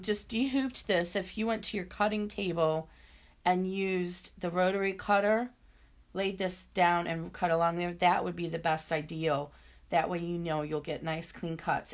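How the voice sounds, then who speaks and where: With a mid-range voice, a woman hosts a chatty live-stream embroidery demo, greeting her viewers and narrating each step as she works.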